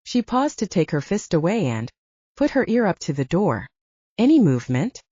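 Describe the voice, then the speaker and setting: A woman narrating an audiobook in an expressive storytelling way. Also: fairly low pitch, moderate pace, slightly rough, no room sound. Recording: dull lo-fi.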